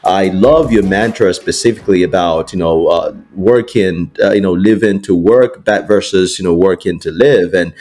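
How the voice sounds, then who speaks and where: A man's voice: low-pitched, moderate pace, hardly any pauses, a little mellow, soft background music. A man hosting a podcast, speaking enthusiastically and casually with lots of "you know" fillers. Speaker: podcast host. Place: remote call while traveling.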